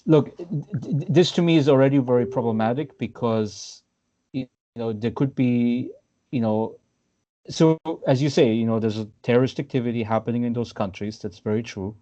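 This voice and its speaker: A man from Austria in his thirties hosting a podcast, discussing politics casually over a video call and pausing often with fillers and restarts. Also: mid-range voice, dark tone. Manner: hesitant, many fillers and restarts. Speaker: podcast host. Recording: dull lo-fi video call audio.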